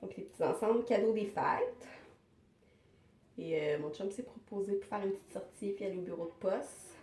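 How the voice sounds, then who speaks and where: A woman with a Québécois French accent speaks in a casual vlog style. Her voice sits at an average pitch for a woman. She talks informally and conversationally, as a mother sharing everyday life. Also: moderate pace, warm tone, slight background noise. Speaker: vlogger and mother.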